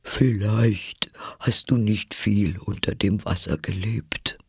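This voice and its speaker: A man voicing the Mock Turtle, a weepy, sorrowful sea creature from a storybook, in a breathy half-whisper. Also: fairly low pitch, slow, dry recording, clean studio sound, exaggerated voice. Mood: mournful whisper.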